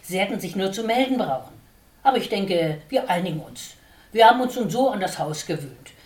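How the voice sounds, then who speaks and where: A woman reading as a stiff, well-mannered male starling, formal and measured, fighting to keep calm, his pitch ranging widely. The voice sounds distant in a reverberant room. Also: close to an everyday voice. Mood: polite. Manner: formal, courteous, straining to stay calm. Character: polite but irritable male starling, house owner. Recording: roomy, distant mic.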